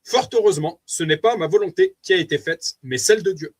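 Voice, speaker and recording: A man's voice: sits high, a little fast, husky. A man with a French accent giving an earnest, preachy spoken testimony, reading from notes and commenting aloud to his wife.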